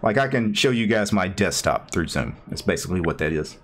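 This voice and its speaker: A man with a fairly low voice hosts a casual open chat over a video call. He explains things in a relaxed, meandering way, with lots of "uh" and "you know" along the way. His speech sounds like it was picked up by a desktop mic. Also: brisk. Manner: relaxed, rambling with fillers. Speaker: host.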